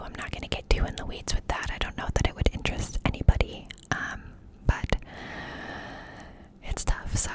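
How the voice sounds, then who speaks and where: Whispering woman, breathy and unvoiced, ASMR chat, close cupped mic, confiding, repeated phrases. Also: poor audio. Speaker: ASMR creator.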